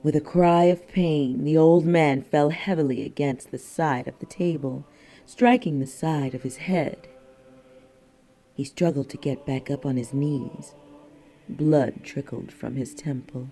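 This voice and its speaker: A man narrating a historical thriller audiobook in a measured, deliberate way. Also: a little high, fairly even intonation, dark tone.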